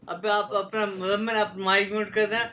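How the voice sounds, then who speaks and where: A man from Pakistan teaching a German class online, drilling letters slowly and clearly. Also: sits high, flat delivery, sharp tone, slight background noise. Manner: slow, drawn-out letter drills. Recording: dull lo-fi call audio.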